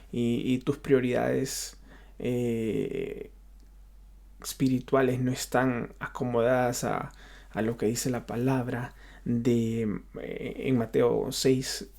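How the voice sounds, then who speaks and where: With a medium pitch, some vocal fry, and a slightly mellow quality, a Honduran man speaks in a Honduran Spanish accent. He's a pastor giving an unscripted testimony, regularly faltering and repeating as he finds his words.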